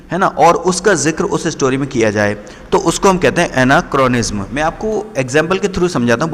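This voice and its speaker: A man explaining literary terms for exam preparation, slowing right down to read English definitions and checking in often with his students. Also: on the high side, big-room sound. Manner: repetitive, checks in often with the listener. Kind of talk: explanatory lesson.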